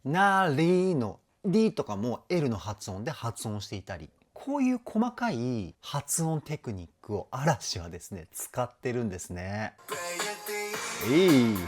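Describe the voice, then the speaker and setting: A man's voice: mid-range voice, very animated, measured pace, hardly any pauses, darkish tone, faint music behind. A man working as a vocal trainer, reacting to a song and analyzing the singing in an enthusiastic, explanatory way.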